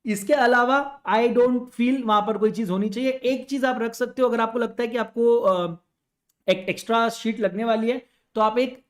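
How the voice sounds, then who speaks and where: A young man teaches an online exam-prep lecture, offering students direct, fatherly advice and calling them "beta." He switches between Hindi and English in a very high voice that stays steady at a moderate pace.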